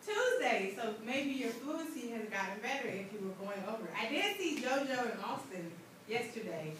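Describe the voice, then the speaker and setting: An English teacher, a woman with a highish, sing-song, fairly bright voice, leads an interactive lesson at a moderate pace, frequently asking short questions to check understanding. She's captured by a distant room microphone in an indoor school classroom, so the audio is echoey, noisy and far off.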